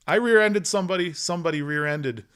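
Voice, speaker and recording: A man's voice: high voice, quick pace, fairly bright tone, clean tone. A middle-aged man who owns an electrical business, chatting as an interview guest and telling work stories with an easygoing, rambling manner. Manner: easygoing storyteller, many fillers and restarts. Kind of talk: casual interview chat.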